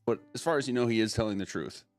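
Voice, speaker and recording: A man's voice: mid-range voice, fast, no echo. Man running a casual tabletop game. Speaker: game master. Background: faint music.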